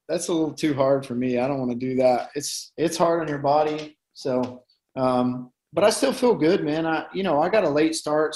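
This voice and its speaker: A man's voice: medium pitch, a little mellow, rough recording. A man with a Tennessee accent chatting casually as an interview guest, in a laid-back, colloquial way. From Tennessee, United States. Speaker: guest, professional fighter.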